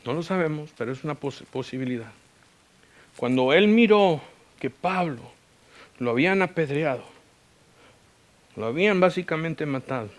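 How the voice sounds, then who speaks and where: A man preaching a sermon as a pastor, telling a personal story with English words mixed in, moving between loud and hushed delivery. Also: a little high. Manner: mixes English words into Spanish. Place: church.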